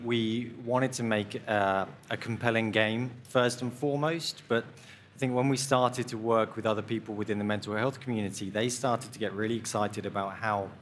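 A young man speaking as a game developer on a live panel, measured and earnest with some hesitations, on a headset mic. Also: on the low side, a bit bright, a little hiss or hum. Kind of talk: live stage panel discussion. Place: large indoor event stage.

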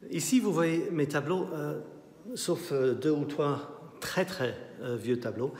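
A middle-aged man with an English accent, an artist giving a casual tour of his exhibition, thinking aloud with many pauses and fillers, filmed on a phone at arm's length. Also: on the high side, darkish tone. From not French. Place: indoor art gallery. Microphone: handheld phone at arm's length, walking. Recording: roomy gallery with long echo.

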